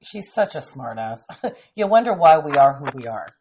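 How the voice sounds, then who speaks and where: Giggly chatty woman with a husky voice. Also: low voice, sing-song, normal speed, dark tone, dull audio. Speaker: host. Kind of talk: casual chat.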